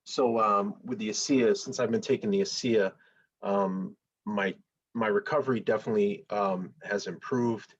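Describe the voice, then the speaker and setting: A man in his forties, an athlete on a panel, speaking in a measured way with fillers on a video call. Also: lowish voice, fairly even intonation, slightly rough. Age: 40s. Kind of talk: casual answers on a video call. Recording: dull lo-fi call audio.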